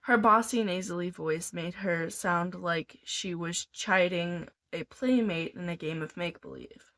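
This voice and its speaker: A woman reading a novel aloud in a deliberate way, sometimes restarting a phrase. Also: on the low side, a bit bright. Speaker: reader.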